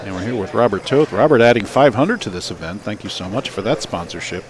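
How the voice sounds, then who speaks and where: A man's voice: on the low side, expressive, fast talker. A man doing live play-by-play commentary at a bowling center, chatting between shots. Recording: live broadcast with crowd behind. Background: crowd and bowling noise.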